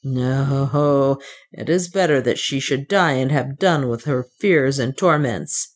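Reading a storybook, a woman voices a troubled, protective male adventurer in a low, hoarse tone. Her delivery is slow and heavily acted.

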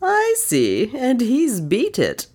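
A woman's voice: on the high side, huge pitch swings, slow pace, darkish tone, voice pushed up, full character voice. Woman playing a careless young dandy for an audiobook, airy and offhand. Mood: breezy. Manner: light, breezy, careless. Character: foppish young man about town, airy and heartless.

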